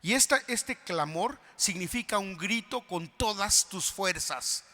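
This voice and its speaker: High, bright-voiced preaching man in a hall. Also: animated, unhurried. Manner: fervent preaching, rising to shouts. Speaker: pastor. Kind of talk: sermon. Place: large convention hall. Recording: long hall reverb.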